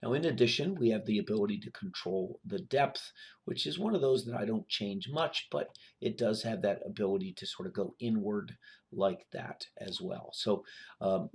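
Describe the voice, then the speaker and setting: A man teaching a software modeling tutorial, talking in a relaxed, unscripted way with frequent fillers while he demonstrates. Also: lowish voice, slightly rough. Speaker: instructor.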